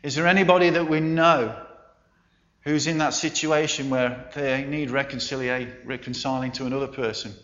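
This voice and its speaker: Male preacher, mid-pitched, unhurried storyteller, roomy and slightly dull recording. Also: fairly even intonation. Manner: storytelling, emphatic pauses, soft endings. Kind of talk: sermon.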